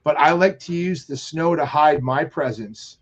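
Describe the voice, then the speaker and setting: Casting note: man, fairly high voice, rambling fishing storyteller, lo-fi muffled sound. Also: a little slow. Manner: rambling storyteller, animated quotes. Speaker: fishing show regular. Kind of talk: casual chat on live show.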